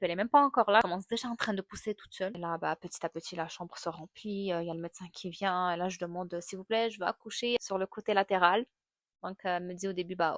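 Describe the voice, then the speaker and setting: A woman's voice: mid-range voice, dry recording. Young woman, casual candid storyteller with lots of fillers, recorded close with a dry sound. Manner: candid, animated retelling with many fillers. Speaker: vlogger.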